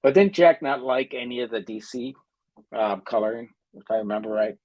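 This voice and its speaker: A man co-hosting a casual chat about comics, adding measured clarifying remarks. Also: mid-range voice, darkish tone. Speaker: co-host.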